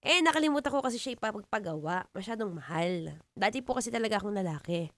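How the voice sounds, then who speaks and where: A woman in her twenties with a Filipino accent and a deep voice, hosting a live radio show and chatting playfully with listeners. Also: very noisy. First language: Tagalog. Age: 20s. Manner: playful, teasing, laughs often. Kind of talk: live radio chat reading comments. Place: radio studio.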